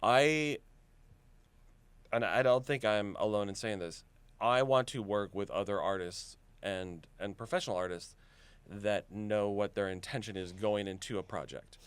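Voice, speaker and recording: Low, smooth-voiced man in blunt casual chat. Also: unhurried, no echo. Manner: emphatic, blunt, filler-heavy with many "like"s. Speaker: guest on an online acting Q&A. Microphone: video call.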